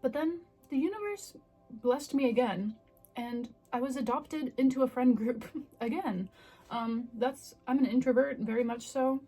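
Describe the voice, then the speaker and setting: A woman's voice: sits high, measured pace, dark tone, husky, faint music behind, rough recording. A woman in her twenties chatting casually and candidly to the camera in a self-reflective, confessional way. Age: 20s. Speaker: vlogger.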